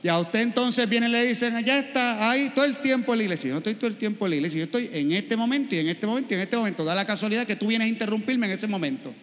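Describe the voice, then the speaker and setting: A man preaches in a high voice, telling stories and acting out what people say to him. His sermon rings with the long reverb of a church. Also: racing, hardly any pauses, fairly bright tone. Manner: storytelling with acted quotes and rhetorical questions. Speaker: priest.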